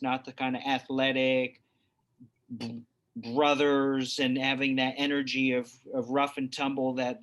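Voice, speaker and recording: A man's voice: mid-range voice, fairly bright tone. A man from New Hampshire speaking as an interview guest, searching for his words with frequent restarts. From New Hampshire, USA. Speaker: guest, father. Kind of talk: reflective interview talk.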